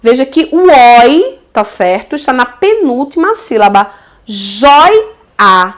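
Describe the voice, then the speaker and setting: A Brazilian teacher with a high voice and a Brazilian Portuguese accent runs a casual grammar lesson on video. Her manner is lively and loving; she often asks how her students are following and lingers over example words.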